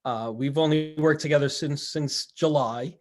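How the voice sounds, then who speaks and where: A man who is a school administrator, giving an earnest, halting tribute at a board meeting over a video call. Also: on the high side. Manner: earnest, halting, repeats words.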